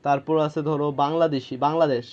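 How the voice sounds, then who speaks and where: A man's voice: fairly high pitch, steady tone, brisk, a little mellow, lo-fi sound. A man teaching English grammar, explaining patiently and checking in with rhetorical questions. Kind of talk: explaining grammar lesson to students.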